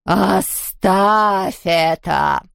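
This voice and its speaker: Woman putting on a hoarse ghost baroness. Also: medium pitch, dry recording, studio quality, heavily acted. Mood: snarling. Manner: snarling, slow, menacing. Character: huge hoarse bloodthirsty female ghost baroness.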